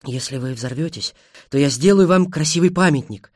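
An eccentric, teasing sculptor who keeps well back, as a male audiobook reader plays him. The voice is slightly high, dry and close. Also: normal speed, dry recording, lightly acted. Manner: teasing, cautious.

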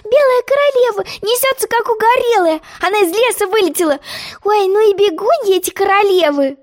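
A woman's voice: extremely high pitch, a little fast, voice pushed up. A woman voicing the girl Alice as an eager, breathless child in a storybook. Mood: excited. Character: excited little girl Alice. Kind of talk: storybook narration.

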